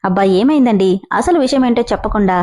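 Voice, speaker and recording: A woman's voice: fairly high pitch, animated, quick pace, a little mellow, lightly acted. A woman doing a worried, protective mother. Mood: pleading. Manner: pleading.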